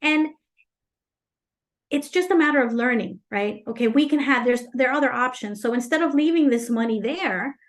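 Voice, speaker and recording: A woman's voice: sits high, moderate pace. A woman from Ecuador, a financial advisor, giving a chatty, earnest seminar talk over a video call.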